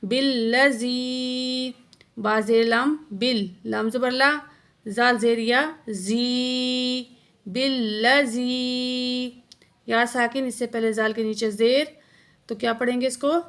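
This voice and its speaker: A woman teaching Quran recitation word by word, explaining each letter patiently and reciting slowly. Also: on the high side, fairly even intonation, fairly bright tone. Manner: slow drawn-out recitation of verses. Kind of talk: word-by-word tajweed lesson with slow recitation.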